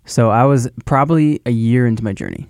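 A man's voice: mid-range voice, fairly quick, gravelly, darkish tone, no echo, clean studio sound. A man hosting a podcast, speaking earnestly in casual chat and laughing easily. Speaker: podcast host.

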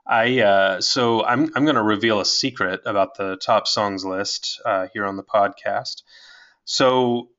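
Bright-voiced casual male podcaster. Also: lowish voice, a little slow, highs cut off. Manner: rambling, frequent "like" and "um" fillers. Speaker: podcast co-host. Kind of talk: casual music chat.

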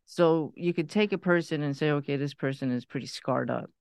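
Man from Iran, podcast guest, smooth and clear, earnest and candid. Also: a little high, darkish tone, no echo, studio quality. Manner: earnest, candid, halting at times. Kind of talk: personal story, conversational.

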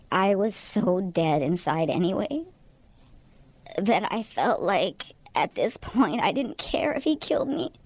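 A woman speaking as a radio interview guest in a studio, her voice disguised to sound deep, talking in a hesitant, halting way with many fillers. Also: a little mellow, no echo.

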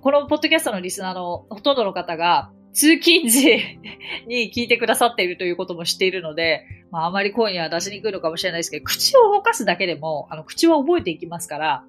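A woman's voice: fairly low pitch, very animated, rapid-fire, hardly any pauses, soft background music. A woman from Japan hosting an English-learning podcast, explaining phrases in a chatty, encouraging way with everyday examples. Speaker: English teacher and podcast host.

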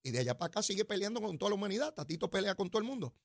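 Puerto rican guy ranting on his political show, pretty high voice, dry studio sound, gets loud then drops quiet. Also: big pitch swings, rapid-fire, vocal fry, no echo. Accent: Puerto Rican Spanish. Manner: combative, mocking, swings between loud and quiet. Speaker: political talk show host. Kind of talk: political commentary monologue.

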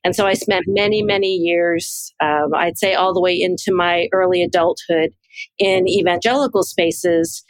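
A woman from Southern California, a guest author on a podcast, recounting her story in a thoughtful, unhurried way. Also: lowish voice, fairly even intonation, no echo, low-quality recording. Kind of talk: casual podcast interview.

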